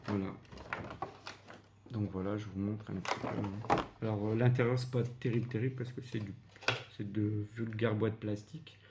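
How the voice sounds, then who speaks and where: A man with a Belgian French accent casually shows off video games he found at a flea market, speaking in a lowish, fairly even voice at normal speed. He pauses often and sounds hesitant, filling gaps with lots of filler sounds in this casual vlog commentary. The home recording is dull, lo-fi and noisy.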